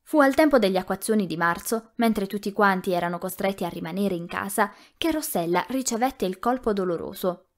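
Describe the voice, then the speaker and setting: A woman reading a novel aloud as an audiobook narrator, in a measured, expressive way. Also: mid-range voice. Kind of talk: scripted narration.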